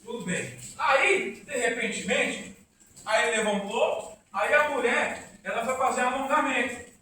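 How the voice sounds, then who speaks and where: A man preaching an informal church sermon, animated and quizzing the congregation. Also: very high voice, measured pace. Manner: animated, asks the congregation questions, acts out quotes. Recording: echoey room from far off, faint noise.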